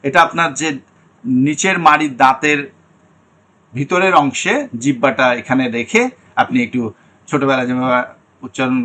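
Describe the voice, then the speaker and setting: A man's voice: medium pitch, sharp tone. A young man teaching an online English pronunciation lesson, explaining each sound and repeating it, and often checking that the class follows.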